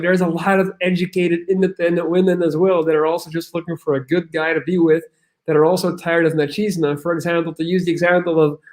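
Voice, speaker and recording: A young Belgian man with a voice that sits high appears as a podcast guest in casual conversation. He is blunt and rambling, swears often, and keeps restarting his sentences.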